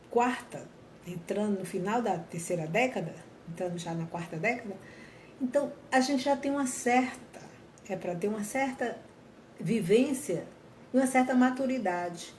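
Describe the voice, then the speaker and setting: A woman's voice: a little high, darkish tone. A woman giving an earnest reflective talk on mental health to viewers, often repeating and rephrasing herself. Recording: echoey room, faint ambient noise.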